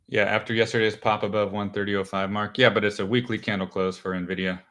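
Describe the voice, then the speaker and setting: A man walks viewers through stock charts on his live market show, sounding relaxed and conversational. His slightly low, smooth voice is a bit bright, with little pitch movement at normal speed, and he thinks aloud using fillers and small restarts.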